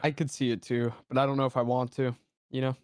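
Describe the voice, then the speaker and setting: A man's voice: mid-range voice, level tone, fast, clear, resonant tone. A young man co-hosting a gaming podcast, laid-back, with short reactions and gamer slang. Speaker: podcast co-host. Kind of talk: casual gaming news chat.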